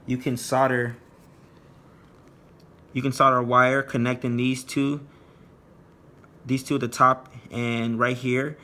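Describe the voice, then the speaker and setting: A man's voice: medium pitch, flat delivery, slow, long pauses, sharp tone. A man giving a casual, plain-spoken how-to narration, explaining things informally as a DIY presenter.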